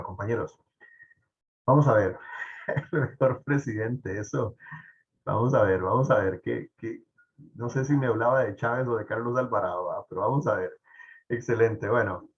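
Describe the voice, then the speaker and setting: A man lectures a civics class in a lively, talkative way, tossing in jokes and constant "¿verdad?" checks. His voice sits at an ordinary male pitch. The recording is dull and lo-fi. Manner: animated, asks "¿verdad?" often, jokes with students. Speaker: teacher.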